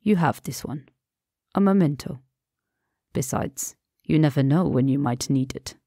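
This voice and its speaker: A suave, wealthy man speaks in a deep, purring Persian accent, as a woman narrating an audiobook puts him on. He stays calm and faintly teasing, never in a hurry. The voice is low with a gravelly edge in a dry, close sound. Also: a little slow, no echo. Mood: calm, amused.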